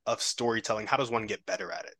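A man's voice: fairly low pitch, quick pace, bright, forceful tone, no room sound, clean studio sound. A man hosting an interview, asking casual, conversational questions. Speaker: interview host.

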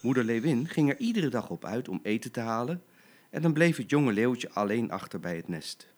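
A man's voice: medium pitch, big pitch swings, moderate pace. An older man, a grandfather, expressively reading a children's bedtime story aloud.

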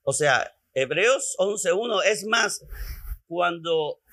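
A man's voice: sits high, expressive, slow, a bit bright. A man with a Mexican accent preaching a teaching sermon, repeating phrases and calling his listeners beloved.

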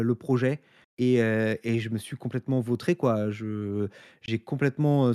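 A man speaking as a guest on a podcast, explaining at length in a casual tone. His voice sits at a medium pitch and the recording is dry with no room sound. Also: no room sound. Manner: explanatory, steady with frequent fillers.

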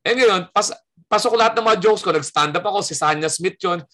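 A high, bright-voiced man from the Philippines is telling a story in casual chat. He is a stand-up comedian, and he acts out each quote in his tale with a lot of energy. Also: a little fast. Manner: animated storyteller acting out quotes.

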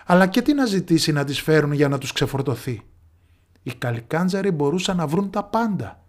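A man telling a folk tale in lively, expressive scripted narration. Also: a little high.

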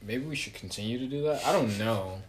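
A man's voice: medium pitch, fairly quick, a little hiss or hum. A man hosting a casual chat among friends, steering the talk with questions to the others. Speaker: podcast host. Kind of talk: casual chat about fantasy football.

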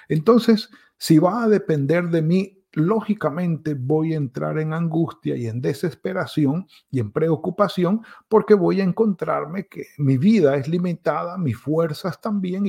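A man's voice: fairly high pitch, creaky, warm tone, slightly rough. A man giving a devotional sermon as pastor, urging listeners to pray in a pleading, repetitive way.

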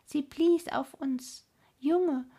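High cooing wood doves voiced by a woman, plaintive, slow, husky, storybook. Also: mellow, exaggerated voice.

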